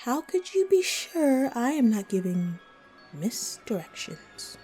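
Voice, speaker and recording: A woman voicing a teasing, riddling female cat from Wonderland in an audio roleplay, coy and playful with drawn-out, whimsical phrasing. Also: a little high, very animated, mellow, faint music behind. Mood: coy, amused. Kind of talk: scripted audio roleplay addressed to the listener.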